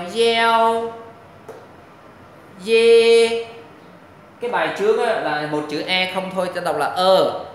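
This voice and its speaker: A man teaching pronunciation, patiently drilling syllables and repeating each one loudly. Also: fairly high pitch. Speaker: language teacher. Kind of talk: pronunciation lesson. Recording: very echoey room, faint background noise.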